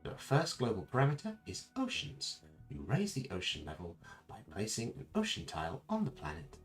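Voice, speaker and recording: A man's voice: mid-range voice, wildly swooping pitch, a little fast, gravelly, a bit bright, faint music behind, voice pushed up, heavily acted. Man doing a creepy computer voice. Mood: flat, eerie. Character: creepy male computer narrator, cold and eerie. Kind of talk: reading a game tutorial aloud in character.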